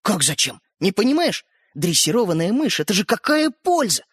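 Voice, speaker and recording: A man voicing an excitable, bossy young boy in a storybook reading, insistent and breathless. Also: sits high, normal speed, breathy edge, dry recording, clean studio sound, heavily acted. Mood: excited. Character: excitable boy, eager schemer.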